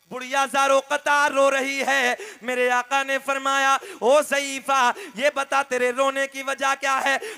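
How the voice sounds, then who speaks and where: Male preacher, high and gravelly, slow sing-song sermon chant. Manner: drawn-out, sing-song delivery, rising to shouts; drops to quick low asides to the crowd.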